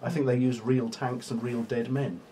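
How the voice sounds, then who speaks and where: A man co-hosting a casual, joking board game review, with a dry, deadpan manner. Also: medium pitch, normal speed, slight background noise. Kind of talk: casual comedic chat.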